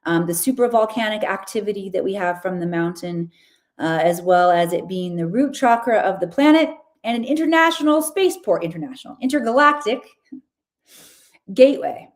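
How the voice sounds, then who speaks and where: A woman's voice: mid-range voice, lively intonation, moderate pace. A woman hosting a podcast, giving an enthusiastic, chatty spiritual reading with casual slang. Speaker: podcast host and Akashic reader.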